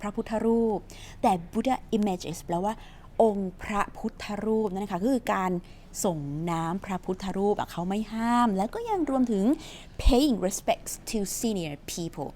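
A chatty woman teaches English from a news story, tossing quick questions at her viewers and answering them herself. She reads the English lines slowly, in a mid-pitched voice. A faint hiss sits under the recording. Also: a little mellow.

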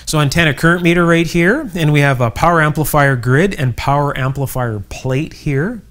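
This middle-aged man, who runs an electronics restoration channel, explains things with conversational enthusiasm in a casual workshop video shot indoors. He speaks at normal speed in a fairly high, slightly bright voice.

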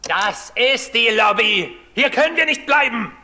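A man's voice: very high-pitched, lively intonation, measured pace, pushed and bright, heavily acted. An actor playing a frantic fugitive man urging his group onward in a horror video game.

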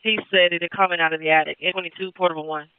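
Male fire dispatcher, urgent firefighter radio traffic, rapid-fire, clipped procedural delivery, noisy radio. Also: a little high, fairly even intonation, narrow, tinny audio. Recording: noisy band-limited radio with clicks.

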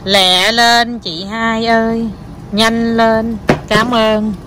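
A mother chatting with her small child in a home vlog, animated and coaxing, with English words mixed into her talk. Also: fairly high pitch, very slow, heavy background noise. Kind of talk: casual home vlog chat.

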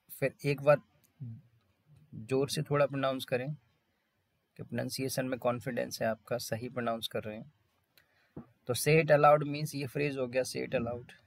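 A male English teacher giving an online vocabulary lesson, explaining in Hindi and reading English lines out slowly. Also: medium pitch, dry recording.

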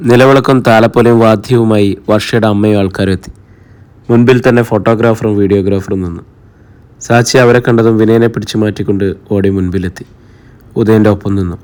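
A man reading a novel aloud as an audiobook narrator, in steady, measured scripted narration. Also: fairly low pitch, smooth.

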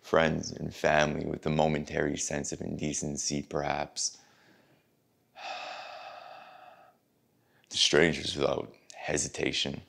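A brooding, heartbroken man muses on love in a stage monologue, played by an actor. His voice sits extremely low and gravelly, with a flat, restrained delivery. He talks slowly and pauses often, sometimes sinking to a near whisper. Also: full character voice. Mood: reflective. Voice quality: very deep gravelly voice. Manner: slow, pausing, drops to near whispers.

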